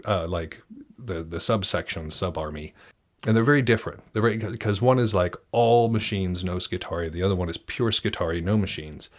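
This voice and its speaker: A man, hosting a podcast in a relaxed, rambling way with restarts and fillers. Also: sits low. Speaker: podcast host. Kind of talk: casual solo podcast talk.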